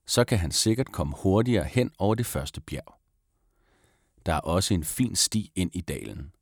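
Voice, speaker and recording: Male audiobook narrator for children's stories: very low voice, calm, measured, dry. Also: vocal fry, no echo. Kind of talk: audiobook reading of a children's book.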